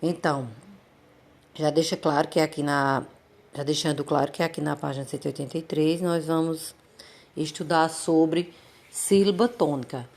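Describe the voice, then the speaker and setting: A woman with a low, darkish voice and a Brazilian Portuguese accent teaches a recorded remote classroom lesson. Patient and repetitive, she explains slowly, repeats her points, and draws out example words to stress their syllables.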